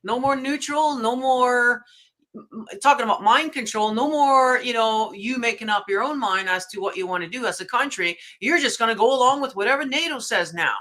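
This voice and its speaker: A woman from Norway talks as a guest on a casual show. Her voice is bright and forceful. She chats freely and fills her sentences with "like" and "you know". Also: fairly high pitch, a little fast. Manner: chatty, lots of "like" and "you know". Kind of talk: casual podcast chat.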